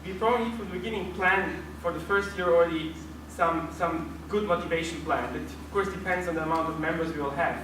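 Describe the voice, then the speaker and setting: Speaking in a fairly high voice, a man moves briskly with few pauses through a group presentation, though he hesitates and restarts a lot. It was recorded from afar in an echoey room with noise.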